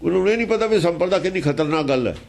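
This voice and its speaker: A man's voice: high-pitched, lively intonation, rapid-fire, creaky, darkish tone. A man teaching scripture in an emphatic, argumentative way, asking pointed rhetorical questions. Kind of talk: explaining scripture verse by verse.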